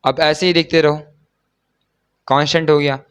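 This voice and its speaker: A man's voice: on the high side, little pitch movement, moderate pace, fairly bright tone, clean tone, highs cut off. A young man tutoring algebra in a joking, teasing way, full of rhetorical questions and banter. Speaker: math tutor. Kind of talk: joking video lesson.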